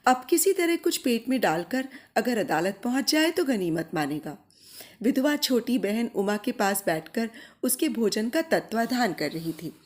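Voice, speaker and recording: A woman narrating a literary short story in a measured, expressive reading voice. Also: on the high side.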